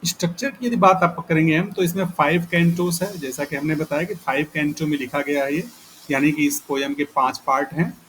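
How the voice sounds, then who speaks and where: A man's voice: fairly high pitch, fairly even intonation, brisk, a bit bright, a little hiss or hum, rough recording. Patient man explaining a lesson. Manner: patient, repetitive explaining with frequent check-ins. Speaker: teacher. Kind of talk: classroom lecture.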